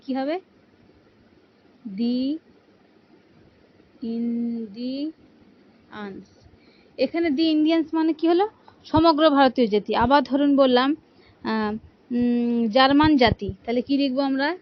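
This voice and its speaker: Speaking in a high-pitched voice, a woman gives a patient English grammar lesson, posing rhetorical questions to her students and saying "ঠিক আছে" again and again. She talks a little slowly with long pauses, and the lo-fi audio has no echo.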